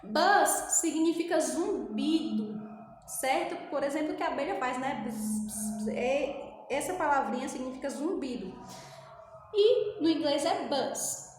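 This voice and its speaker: A woman's voice: high-pitched, lively intonation, measured pace, darkish tone, slight background noise. A Brazilian woman English teacher with a Brazilian Portuguese accent, explaining a lesson step by step and answering her own questions. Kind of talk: recorded classroom lesson for sixth graders. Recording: very echoey, reverberant room.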